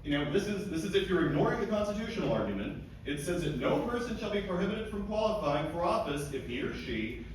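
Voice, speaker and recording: A man's voice: high voice, big pitch swings, quick pace. A man speaking as an attorney giving a closing argument at a hearing, emphatic and argumentative, sometimes stumbling and repeating words. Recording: echoey room, distant mic, faint noise.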